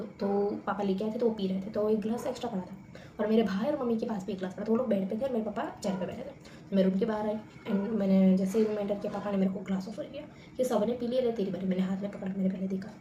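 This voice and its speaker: A young woman vlogger telling stories to the camera in a chatty, animated way, often addressing her viewers as guys. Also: mid-range voice, echoey room, highs cut off, a little hiss or hum. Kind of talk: casual storytelling to camera.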